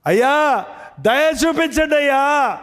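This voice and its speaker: A male preacher voicing a weeping mother who begs a king to spare her son, with a high voice and imploring repeated appeals. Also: animated, takes it slowly, fairly bright tone, exaggerated voice. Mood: pleading. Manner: tearful, imploring, repeating "sir". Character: pleading mother begging a king for mercy.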